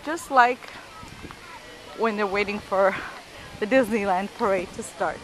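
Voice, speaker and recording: Slow-paced woman narrating a travel vlog. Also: medium pitch, rough recording. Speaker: travel vlogger. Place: outdoors in a busy city piazza. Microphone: handheld camera, operator behind it. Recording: faint outdoor street noise.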